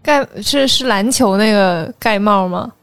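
A woman's voice: mid-range voice, a little slow, no room sound. A woman from Northeast China chatting casually as a podcast co-host, often questioning and debating. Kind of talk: casual chat.

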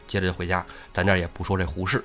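A deep-voiced podcast host tells an old tale very fast over faint background music. His storytelling is casual, animated and chatty, and he often asks the listener whether they agree.

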